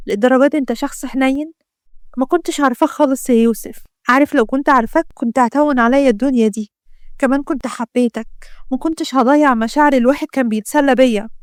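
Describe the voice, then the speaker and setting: A woman voicing a hurt, fiery young woman with an Egyptian accent, emotional and sharp-tongued. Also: high-pitched, no echo, studio quality, lightly acted. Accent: Egyptian Arabic.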